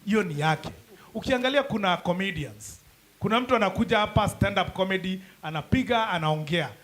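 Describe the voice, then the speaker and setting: A man's voice: high-pitched, lively intonation, fairly quick, fairly bright tone. A Kenyan man speaking as a forum panelist in a casual, joking way, switching between English and Swahili slang.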